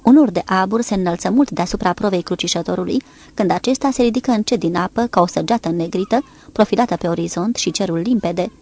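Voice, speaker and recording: This audiobook narration of a naval war novel comes from a woman with a mid-range voice. She keeps a calm, even rhythm and raises her pitch slightly for characters' speech.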